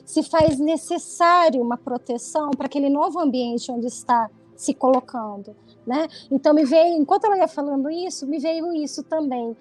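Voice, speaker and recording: A woman's voice: sits high, normal speed, soft background music, poor audio. A woman psychoanalyst reflecting thoughtfully in an interview over a video call, often adding tag questions.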